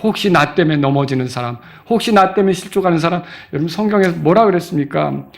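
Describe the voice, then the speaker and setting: A middle-aged man preaching a sermon as pastor, acting out quoted voices and shouting at the high points. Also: quick pace, gravelly.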